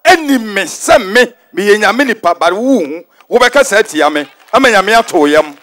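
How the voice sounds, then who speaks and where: A man with a Ghanaian accent preaches in a high voice, hammering his points through repetition. He drops English phrases into his sermon in a large stadium. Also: expressive, unhurried, a bit bright. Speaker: prophet preaching.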